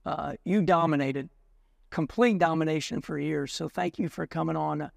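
An American racing show host in his sixties tells stories in casual conversation, animated and acting out the voices of people he quotes. His voice is fairly high with vocal fry, at normal speed, in a dry, clean studio recording.

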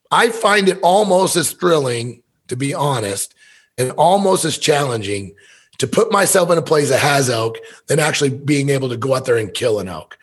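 His medium-pitched voice carries a breathy edge. He's a Missouri man in his fifties, an elk hunter and business owner, appearing as a podcast guest and rambling through frank, folksy conversational stories.

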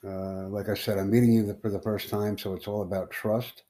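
A man from the United States hosting a live stream, chatting casually with strangers in a rambling, halting way full of fillers. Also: fairly low pitch, flat delivery, warm tone. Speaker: livestream host.

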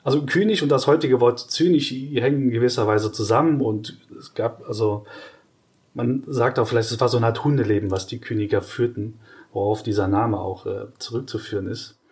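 A man at a middle pitch co-hosts a podcast discussion. He explains patiently, stumbling through restarts and then warming into lively, exaggerated examples. His delivery stays conversational rather than scripted. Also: a little fast. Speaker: podcast co-host.

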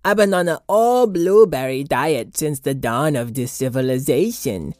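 A woman's voice: low voice, lively intonation, measured pace, darkish tone, a little hiss or hum. Woman doing a goofy big rock-dog monster. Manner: goofy, rambling and awkward. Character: cheerful huge lava-tongued rock dog, male, goofy.

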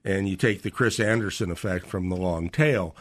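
Man, low voice, podcast host, conversational, joking. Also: moderate pace. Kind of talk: casual podcast discussion.

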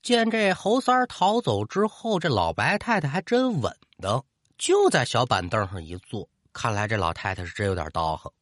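Guy with spinning a ghost story, super animated, dry close mic. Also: mid-range voice, normal speed, no echo. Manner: lively, colloquial, rhythmic storyteller patter. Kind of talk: traditional oral storytelling narration.

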